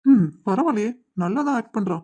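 A woman's voice: mid-range voice, animated, fairly quick, mellow, close to an everyday voice. A woman doing a smug scheming groom. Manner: smug, sly asides. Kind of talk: animated web series voice acting.

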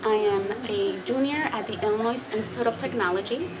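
A woman's voice: fairly high pitch, a little fast, recorded from a distance, noisy background. A twenty-year-old woman giving an earnest, reflective testimonial to the camera as a scholarship student.

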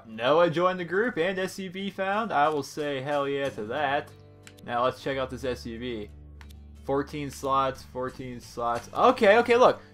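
A man giving casual let's play commentary over a zombie game, excitable and chatting to the enemies on screen. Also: mid-range voice. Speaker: gaming YouTuber. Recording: game sound loud behind the voice.

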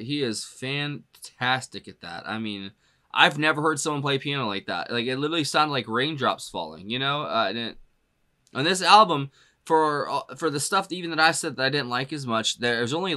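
Reacting to music in a casual way, a man rambles as he thinks aloud, piling up "you know" and "like." His voice is medium-pitched, bright and forceful, and he laughs often between thoughts.

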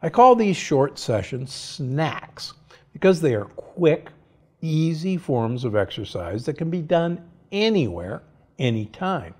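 A man's voice: on the high side, slow pace, husky. An older man hosting a podcast, reading health advice from cue cards in a studio with a lapel mic. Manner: lively, upbeat, reads from cue cards. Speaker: podcast host and doctor. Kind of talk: scripted health advice monologue. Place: studio set with armchair and bookshelf.

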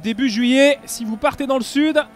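High-voiced man calling a rally game. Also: normal speed. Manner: lively, jokey play-by-play. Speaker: gaming YouTuber.

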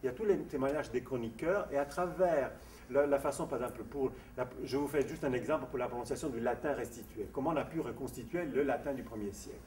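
A man's voice: mid-range voice, fast talker, a little mellow. A man from Sardinia giving an academic lecture on diction, explaining step by step and reading out definitions between asides. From Sardinia, Italy. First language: Sardinian and Italian. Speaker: voice and diction teacher. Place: lecture room at a summer school. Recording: echoey room from a distant mic, faint noise.

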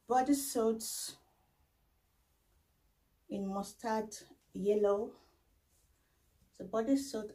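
Woman, 30s, home vlogger, mid-pitched and unhurried, halting delivery. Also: a little mellow, rough recording. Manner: unhurried, halting, with frequent fillers. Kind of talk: casual try-on haul vlog. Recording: faint background noise.

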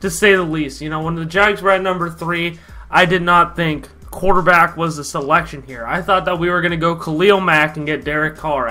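A man's voice: fairly high pitch, sharp tone. A young man hosting a casual sports vlog, talking loosely with lots of fillers. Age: young adult.

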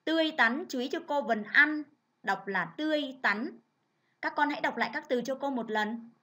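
Woman, teacher, reading lesson for children, clear measured delivery, slightly high voice. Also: animated, bright, forceful tone. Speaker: primary school teacher.

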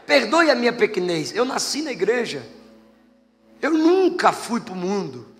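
A male Brazilian pastor preaching a sermon, telling a testimony as a lively storyteller who jokes with the congregation. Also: high-pitched, measured pace. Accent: Brazilian Portuguese. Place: church hall. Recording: long church hall reverb with faint music.

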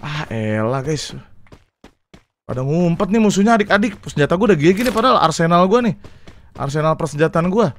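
A young man, streaming a game live and chatting with viewers, excitable and repeating short phrases in bursts. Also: on the high side, fairly quick, a little hiss or hum. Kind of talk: casual live gameplay commentary. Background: keyboard clicks.

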